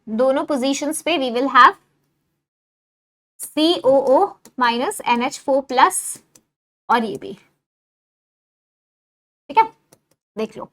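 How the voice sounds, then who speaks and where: A woman giving an online exam-prep chemistry lecture. She mixes Hindi with English phrases and keeps checking with her students, asking if everything is clear. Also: sits high, a bit bright. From India. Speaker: chemistry teacher.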